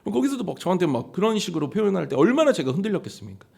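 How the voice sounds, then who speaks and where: Lively Korean man preaching a sermon. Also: very fast, vocal fry, breathy edge. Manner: storytelling sermon with lively pitch swings. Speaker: pastor.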